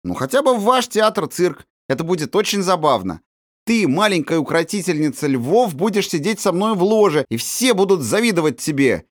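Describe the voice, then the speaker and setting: A man reading an audiobook, voicing a spoiled, capricious little rich girl in high, squealing chatter. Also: sing-song, normal speed, dry recording, studio quality. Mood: excited. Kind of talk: audiobook character voice.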